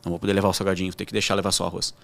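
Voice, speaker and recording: A man's voice: deep voice, very fast, creaky. A young man with a southern Brazilian accent, a podcast guest telling a story casually and acting out the voices of the people in it. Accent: southern Brazilian, Rio Grande do Sul. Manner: animated storyteller acting out quoted dialogue.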